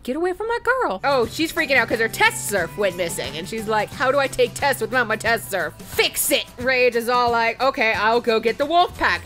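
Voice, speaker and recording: A woman with a fairly high, sharp voice tells a comedic story about a game session as a let's play host. She's playful and profane, acting out the quotes as she goes, with music playing in the background.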